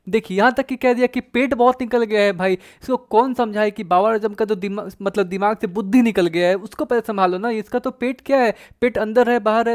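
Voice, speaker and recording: A man hosting a casual cricket commentary vlog, chatty and indignant, with frequent hesitations and restarts. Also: high-pitched. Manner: chatty, indignant, mixes in English phrases. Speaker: cricket channel host.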